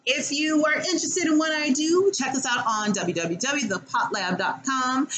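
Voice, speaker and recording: A woman's voice: high-pitched, a bit bright, slight background noise, poor audio. A woman in her forties from the United States, delivering a heated, profane, unscripted rant to camera. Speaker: vlogger.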